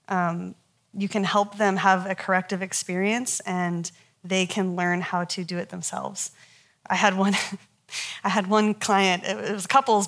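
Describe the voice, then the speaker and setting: Animated woman teaching a counseling workshop. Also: mid-range voice. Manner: conversational, animated storytelling with frequent laughs.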